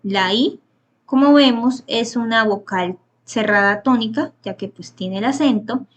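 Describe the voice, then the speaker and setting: A woman's voice: fairly high pitch, measured pace, highs cut off. A woman presenting a grammar lesson as a student presenter, explaining step by step with some hesitant fillers and self-corrections.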